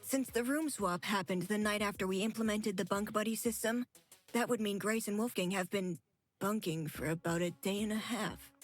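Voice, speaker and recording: A woman's voice: medium pitch, normal speed, soft background music, close to an everyday voice. A woman voicing a fussy, easily disgusted young female student who reasons things out. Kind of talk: game voice acting.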